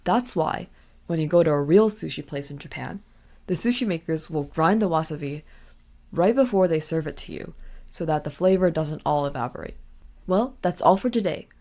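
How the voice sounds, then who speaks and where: A woman's voice: low voice, lively intonation, normal speed, warm tone. A woman hosting a casual language lesson podcast, explaining in a chatty way with fillers and asides. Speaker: podcast host.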